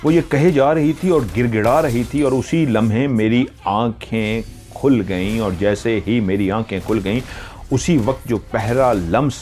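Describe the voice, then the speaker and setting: A man narrating a spoken horror story in the first person, slowly and with suspenseful, drawn-out pauses. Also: medium pitch, darkish tone, faint music behind.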